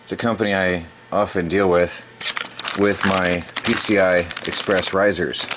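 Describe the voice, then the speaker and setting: A man's voice: low voice, a little hiss or hum. A middle-aged man hosting a casual unboxing video, rambling and stumbling over words as he corrects himself. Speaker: tech channel host.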